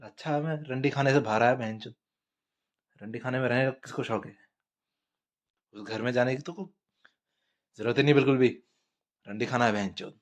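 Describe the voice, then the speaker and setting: A man from India tells crude comic stories in a blunt, conversational monologue. His language is profane and his voice sits at an ordinary middle pitch. The delivery is plain and unpolished. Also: moderate pace, long pauses. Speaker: storyteller.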